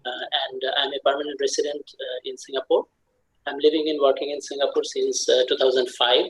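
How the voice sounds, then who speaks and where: A man from Bangladesh introducing himself at an online club meeting, shy and halting, with many "uh" fillers. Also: medium pitch, flat delivery, rough recording. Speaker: club member giving a self-introduction. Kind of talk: hesitant online meeting talk. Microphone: video call.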